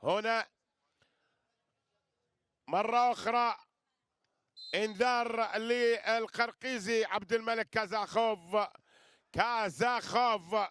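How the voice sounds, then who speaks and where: A man's voice: high-pitched, steady tone, takes it slowly, long pauses, a bit bright, clear, resonant tone, no room sound, studio quality. A man giving live wrestling commentary, repeating phrases and addressing listeners with flourishes. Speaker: sports commentator.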